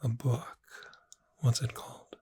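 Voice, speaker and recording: The performer speaks in a natural voice as a friendly witch bookseller in an ASMR roleplay, gently and without hurry, lightly wry, in a breathy near-whisper. The mood is helpful and relaxed.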